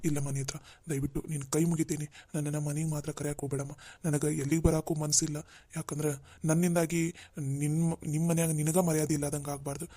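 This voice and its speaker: A man voicing a soft, flat-toned brother. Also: on the high side, fairly quick, no echo, close to an everyday voice. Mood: pleading. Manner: gentle, pleading, dialect-heavy. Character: humbled jobless older brother, soft-spoken. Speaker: brother in a cartoon drama. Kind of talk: dubbed cartoon drama.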